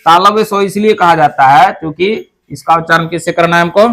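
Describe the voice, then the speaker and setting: A man's voice, a little high and fairly bright with some vocal fry, guides listeners through Sanskrit pronunciation. He works step by step, asks and answers his own questions, and pronounces every sound slowly as a demonstration.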